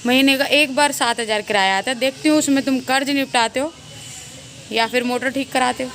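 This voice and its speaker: Gloating woman vlogger, fairly high voice. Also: fairly quick, fairly bright tone, a little hiss or hum. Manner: gloating, laughing often, talks to viewers directly. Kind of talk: casual vlog monologue. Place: outdoors, open weather around.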